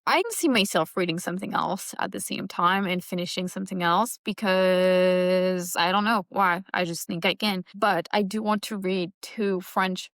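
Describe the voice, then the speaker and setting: With a fairly low, fairly bright voice at normal speed, this young Mauritian woman talks through her reading plans for her book vlog. She's a Mauritian Creole speaker who muses aloud and pokes gentle fun at herself, and the studio recording is clean, with no room sound.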